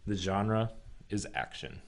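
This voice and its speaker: This podcast co-host is a man with a fairly low voice who talks slowly. He shares slangy, opinionated views on movie and game news in a relaxed chat, saying "dude" along the way.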